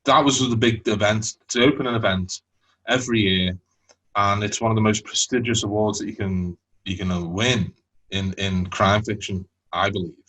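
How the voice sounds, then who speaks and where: A man's voice: fairly low pitch, steady tone, moderate pace, a bit bright, low-quality recording. A man, co-hosting a podcast and asking loose, chatty questions. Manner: chatty, loose, full of fillers. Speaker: podcast co-host. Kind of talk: casual interview questions.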